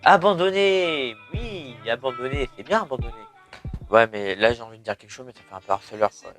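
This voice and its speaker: A man's voice: lowish voice, rapid-fire, a bit bright, soft background music. Young man with a slushy lisp. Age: young adult. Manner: informal, playful, self-mocking, breaks into sung or rapped lines. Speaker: amateur songwriter and video creator. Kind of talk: casual vlog, thinking aloud while writing a song.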